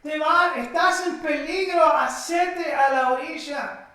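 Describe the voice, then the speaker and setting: Alarmed onlookers on a riverbank, voiced by a preacher, shout urgent warnings in a high, loud voice. It rings out in an echoing room, heard from some distance. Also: steady tone, slow, full character voice. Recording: echoey room, distant mic.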